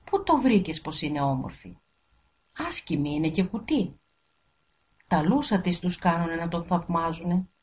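A woman's voice: fairly low pitch, animated, long pauses, a little mellow, dull audio, lightly acted. Woman reading as spiteful jealous princesses. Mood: scornful. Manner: scornful, complaining.

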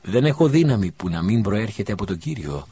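Guy reading a humble prophet in a storybook, low husky voice, muffled lo-fi audio. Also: sing-song, exaggerated voice. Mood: troubled. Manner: gentle, modest, earnest. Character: humble prophet, calm, earnest grown man. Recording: dull lo-fi recording.

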